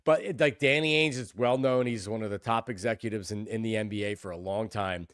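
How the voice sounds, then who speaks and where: Sports radio guy riffing fast, keeps repeating himself, super dry close sound. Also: fairly low pitch, smooth, no echo. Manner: excitable, rambling, repeats words. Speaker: sports talk show host. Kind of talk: casual sports talk.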